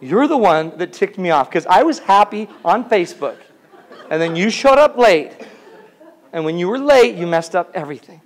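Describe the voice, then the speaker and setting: Guy doing a whiny self-pitying blamer, kinda high and huffy. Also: sing-song, measured pace, pauses often. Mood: indignant. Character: indignant man blaming everyone else.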